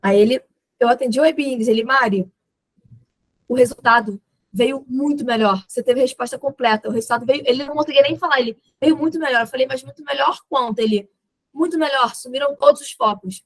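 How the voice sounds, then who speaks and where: A young Brazilian woman tells her story as a podcast guest, voicing the people in it as she goes. Her voice sits fairly high with a gravelly, fry-tinged edge. The sound is close and dry. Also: quick pace, no room sound, poor audio. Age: young adult. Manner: lively retelling that acts out quoted dialogue, with laughs. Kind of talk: personal storytelling in a podcast interview.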